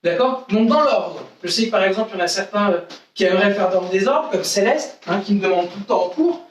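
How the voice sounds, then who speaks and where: A man's voice: sits high, lively intonation, fast talker, highs cut off, slight background noise. A man teaching an online karate class to children, counting out exercises and often checking "d'accord?". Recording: echoey room, voice from mic distance.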